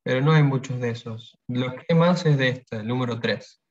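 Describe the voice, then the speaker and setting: A man teaching a language workshop on pronunciation explains things calmly and patiently, pausing to say each example word twice. His voice is middle-pitched, and the recording sounds muffled, dull, and lo-fi.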